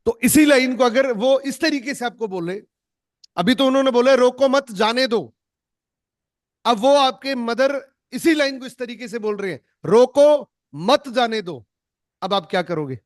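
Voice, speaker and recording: A man with a notably high voice coaches a group on an online call. He speaks emphatically and keeps re-voicing short example lines to demonstrate tone. The sound is close and dry, with no room. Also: lively intonation, normal speed, no room sound. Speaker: network marketing trainer. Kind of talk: online training session.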